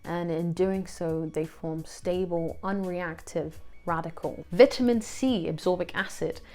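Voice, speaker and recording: Woman tutor, low and creaky voice, steady question-and-answer revision read, dry asides. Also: measured pace, faint music behind. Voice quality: gravelly, creaky voice.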